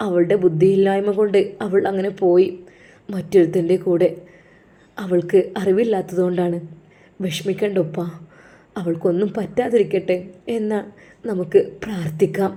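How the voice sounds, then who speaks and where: A woman voicing a calm, kind young religious scholar who reassures a grieving father. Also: mid-range voice, moderate pace, long pauses, close to an everyday voice. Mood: reassuring.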